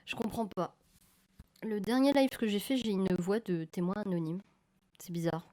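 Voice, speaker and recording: A woman's voice: mid-range voice, animated, normal speed, warm tone. A woman streaming live, chatting casually with viewers while she works, often correcting herself mid-sentence. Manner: chatty, self-correcting, talks to chat viewers. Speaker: film photography streamer. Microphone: desk microphone. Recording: slightly crackling live-stream audio.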